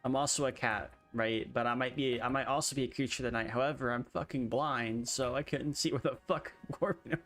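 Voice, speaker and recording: A man's voice: mid-range voice, steady tone, fairly quick, hardly any pauses, fairly bright tone, soft background music. A man hosting a game stream, bantering with friends, laughing and swearing freely. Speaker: streamer host. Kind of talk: casual gaming chat.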